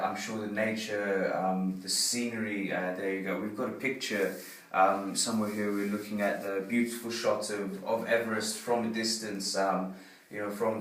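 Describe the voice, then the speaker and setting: A man hosting a radio interview, friendly and rambling, with many ums and uhs. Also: on the low side. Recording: echoey room, distant mic.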